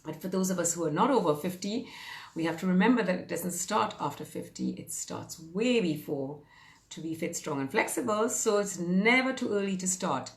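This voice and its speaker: A woman's voice: on the low side, lively intonation, moderate pace, vocal fry, roomy sound. A woman in her fifties, a fitness and mindset coach, chatting casually and upbeat on a live stream, rambling with plenty of fillers. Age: 50s. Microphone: phone or webcam on a live stream.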